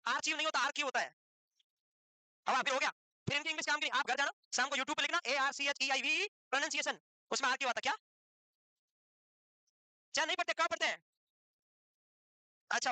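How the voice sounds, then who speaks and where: A man teaching a class at a quick clip, his voice high and bright. He scolds, jokes and teases students between dictated notes, and the sound is dry and close. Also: dry recording. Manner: brisk, scolding, teasing joker. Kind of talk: classroom lecture.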